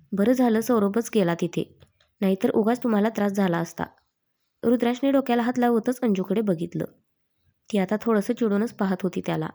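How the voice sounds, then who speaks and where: A woman with a Marathi accent reads a romance story aloud in a warm, mellow voice that sits a little high. She speaks every character's lines in her own voice without putting on separate voices. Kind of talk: scripted story narration.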